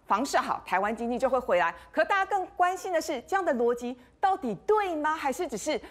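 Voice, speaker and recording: A woman's voice: high voice, big pitch swings, fairly quick. A woman with a Taiwanese Mandarin accent hosting a studio current-affairs talk show, emphatic and full of rhetorical questions.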